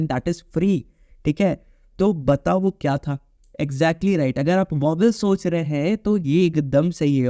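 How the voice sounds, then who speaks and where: A man's voice: high voice, dark tone, dry recording, clean studio sound. A man teaching an online phonetics lecture in Hindi mixed with phrases, explaining patiently and asking the class questions. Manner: mixes English phrases into Hindi.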